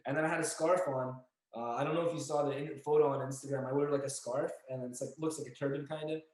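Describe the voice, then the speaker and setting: A young man telling a story as a podcast guest, casual and animated, acting out the voices of the people in it. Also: on the high side, fast talker. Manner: animated, acts out dialogue and yelling. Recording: echoey room.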